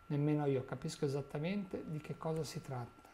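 A man's voice: a little high, brisk, warm tone, slight background noise, lightly acted. A man reading as an old male wizard who gives earnest warnings in a grave tone.

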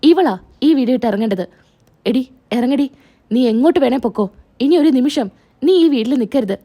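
A woman's voice: high voice, lively intonation, normal speed, warm tone. A woman voicing an angry husband ordering his wife out of the house, harsh and commanding. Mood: furious.

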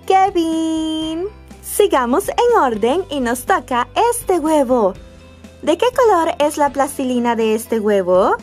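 A woman hosting a children's toy video, teaching colors to young kids in a sing-song voice with exaggerated wonder. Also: sits high. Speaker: children's toy channel host.

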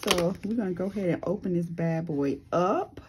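A woman hosting a craft channel, gushing with excitement as she unboxes mail. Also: on the low side, normal speed, noisy background. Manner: gushing, excited, says "y'all guys" a lot. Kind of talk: casual unboxing vlog.

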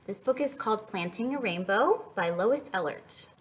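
At a moderate pace and medium pitch, a young woman hosts a story time for small children, reading and chatting in an animated, sing-song way and asking them questions. A little hiss or hum sits in the background.

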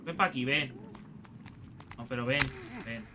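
A man's voice: medium pitch, unhurried, pushed and bright, slight background noise. A man with a Spain Spanish accent giving crude, joking let's play commentary and taunting the enemies he fights. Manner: swearing, joking, talks to enemies. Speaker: gaming youtuber.

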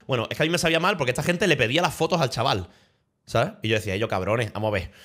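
A young man from Spain with a Spanish accent, telling a travel story in an animated, swearing, laughing way, as a streamer in casual chat. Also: fairly high pitch, rapid-fire.

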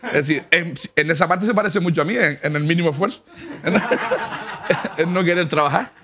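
A man's voice: on the high side, brisk, bright, forceful tone. A man telling boastful, mock-humble comic stories in a casual chat, laughing often. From Canary Islands. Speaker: comedian guest. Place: car.

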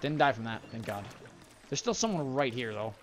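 A man's voice: medium pitch, very animated, a little fast, slight background noise. A man giving live gameplay commentary, frustrated and exasperated, with sudden outbursts.

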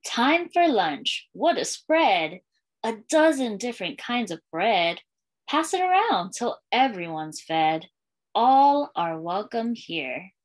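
In a small room lined with bookshelves and a curtain, a woman in her thirties who works as a school librarian reads a picture book to little kids. Her fairly high voice swings widely in pitch, slow and sing-song as she tells the story.

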